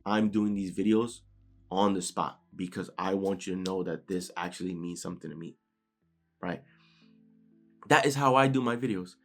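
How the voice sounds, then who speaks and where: Pausing often at a moderate pace, a young man with a New York accent gives an improvised motivational talk from his bedroom as a YouTuber. He keeps it casual, often adds "right?" and sometimes stutters. Low music sits in the background.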